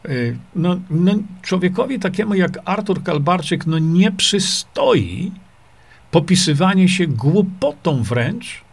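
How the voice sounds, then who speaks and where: A man's voice: high voice, animated, slow pace, vocal fry, husky. A middle-aged man hosting a livestream, reading viewer comments aloud and answering them in a rambling, dismissive way, with many fillers and repeated rhetorical questions. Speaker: livestream host.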